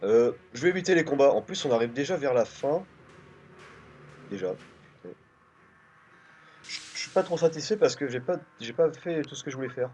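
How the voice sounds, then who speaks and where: A man's voice: medium pitch, animated, normal speed, long pauses, a little mellow. A man from France commenting casually on his gameplay, thinking aloud with many hesitations. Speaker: let's play host. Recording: dull lo-fi recording.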